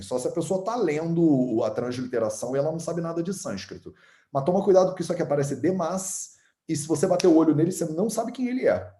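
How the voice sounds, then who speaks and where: Male Carioca teacher, chatty and patient, mellow voice, roomy echo. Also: fairly high pitch. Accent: Carioca Brazilian Portuguese. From Rio de Janeiro, Brazil. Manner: chatty, explains patiently, repeats sounds aloud. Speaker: Ayurveda and Sanskrit teacher. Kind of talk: casual online lesson.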